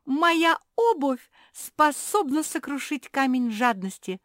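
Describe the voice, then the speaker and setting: Lady doing a chattery little girl critter, high and loud, storybook. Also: sing-song, no echo, studio quality. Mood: chattering, emotional. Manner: rapid chatter. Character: chattering young girl animal, emotional.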